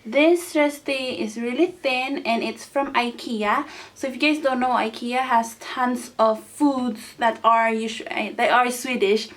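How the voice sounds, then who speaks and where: A young woman hosting a casual mukbang, chatting excitably to viewers as she eats. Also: fairly high pitch, unhurried. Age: teenager to young adult. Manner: excitable, exclaiming, talking to viewers while eating. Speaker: mukbang host. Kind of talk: casual mukbang eating chat to camera.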